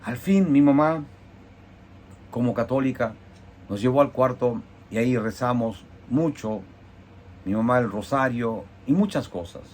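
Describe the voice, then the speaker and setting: A man preaching a heartfelt personal testimony, his voice dropping low and soft, then rising with emphasis. His delivery swings between hushed storytelling and emphatic declarations, with a faint hiss behind him. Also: measured pace. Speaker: evangelical preacher.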